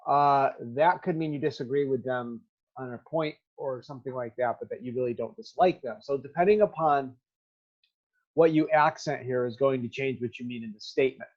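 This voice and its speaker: A man teaching a recorded remote lesson, talking straight to his students in a halting way with many ums. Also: mid-range voice, muffled recording.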